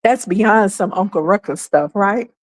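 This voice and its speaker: Woman, casual commentary host, animated, laughs often. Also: unhurried. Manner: animated, laughs often, acts out quoted people in a higher voice.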